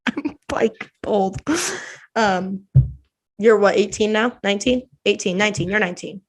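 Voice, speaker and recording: A woman in her twenties with an American accent hosts a podcast, chatting casually and bickering playfully in an unhurried, mid-range voice.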